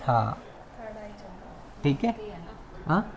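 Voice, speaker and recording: A massage instructor giving a hands-on class demonstration, with soft, repeated cues and frequent check-ins with the students. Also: mid-range voice, very animated, extremely slow, gravelly, noisy background. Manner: soft, repetitive coaching cues. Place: training academy classroom.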